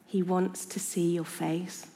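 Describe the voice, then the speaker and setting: A woman's voice: lowish voice, flat delivery, slow, dark tone. Woman preaching in a reverberant church. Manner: earnest, reflective, conversational. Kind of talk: sermon. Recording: long reverb of a church hall.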